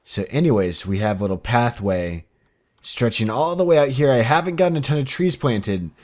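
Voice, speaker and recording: An eighteen-year-old guy runs his own gaming channel and gives casual Minecraft commentary in an animated, medium-pitched voice. He rambles upbeat at a moderate pace, packing in lots of fillers.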